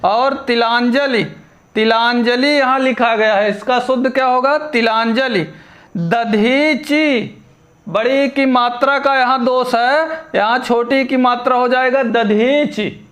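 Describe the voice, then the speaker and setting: A man teaching a spelling lesson for exam prep. He asks quiz questions, answers them himself, and repeats each word deliberately. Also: very high-pitched, fairly even intonation, fairly bright tone. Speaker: Hindi grammar teacher.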